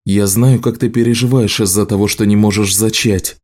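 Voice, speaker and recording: A calm, firm husband in a storybook, voiced by a man narrating. He speaks in a steady mid-range voice. The tone is dark and mellow. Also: on the low side, moderate pace, close to an everyday voice.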